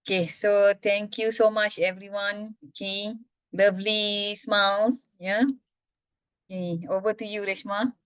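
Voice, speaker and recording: A woman moderates an online webinar on a video call. She talks very slowly in short, informal, halting phrases. Her voice sits at a medium pitch and sounds dry, without room echo. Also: little pitch movement, a bit bright, clean tone. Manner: short halting phrases, often starting with okay.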